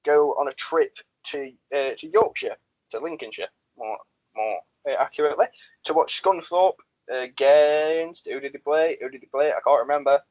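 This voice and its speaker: A man's voice: fairly high pitch, moderate pace, a little mellow, dry recording, low-quality recording. A man hosting a casual football podcast, chatty and self-deprecating, laughing often. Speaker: podcast host.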